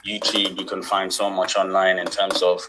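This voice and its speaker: A man's voice: low voice, completely flat delivery, moderate pace, noisy background. A man presenting as a guest trading trainer on an online webinar, chatty with many fillers. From United Kingdom.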